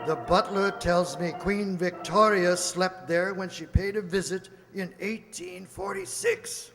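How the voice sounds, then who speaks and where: Radio mystery sidekick doctor played by a man: genial, plain-thinking, slow delivery, long reverb. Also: high voice, animated, vocal fry, a bit bright, soft background music, heavily acted. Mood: impressed. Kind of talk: radio play acting.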